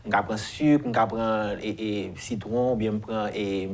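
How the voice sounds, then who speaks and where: A man in his thirties, a guest chatting about grooming in a halting way with many restarts. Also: on the low side, steady tone, slight background noise. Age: 30s. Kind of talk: casual chat.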